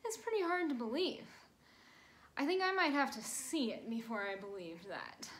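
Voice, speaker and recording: A woman in her twenties giving a children's sermon from her bedroom, telling a story gently to kids with playful emphasis, recorded on a phone camera. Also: high-pitched, lively intonation, moderate pace, rough recording. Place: small bedroom at home.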